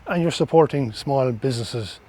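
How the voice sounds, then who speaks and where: A man's voice: medium pitch, moderate pace, warm tone, slight background noise. A middle-aged man with an Irish accent giving earnest, explanatory interview answers, often repeating and restarting phrases. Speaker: interviewee, social housing organisation representative.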